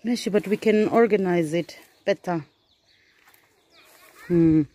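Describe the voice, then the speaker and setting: A woman's voice: lowish voice, a little slow, dark tone. Chatty woman coaxing farm animals. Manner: chatty, switching between German, English and Arabic. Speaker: vlogger. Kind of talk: casual chat while tending farm animals. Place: village farm and stable.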